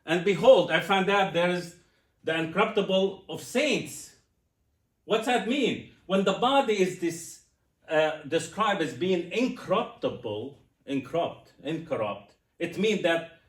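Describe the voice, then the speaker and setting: A man in his sixties gives a slow, personal testimony speech to an audience. His pitch swings widely, and he keeps turning to the listeners with questions. The sound carries the echo of a room. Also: lively intonation. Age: 60s. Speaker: speaker.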